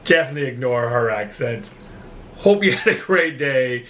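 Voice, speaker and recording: A man co-hosting a vlog in casual chat, rambling and self-deprecating, with halting restarts. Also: mid-range voice, animated, a bit bright, dull audio, a little hiss or hum. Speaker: vlog co-host. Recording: roomy echo.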